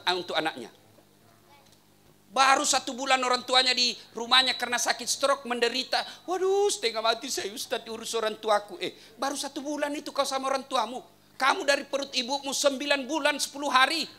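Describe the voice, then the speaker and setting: A man's voice: extremely high pitch, fast, bright, forceful tone. A man preaching a humorous sermon at a religious gathering in a home, teasing the crowd and firing questions at them. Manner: teasing, quizzes the audience.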